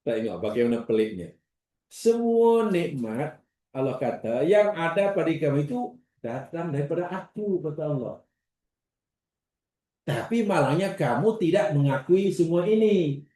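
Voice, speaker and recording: A man with a Malaysian Malay accent teaching a religious class, lively, acting out examples and questioning his students. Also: a little high, measured pace. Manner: questions the class and repeats their answers. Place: classroom or prayer hall. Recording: roomy echo, distant mic.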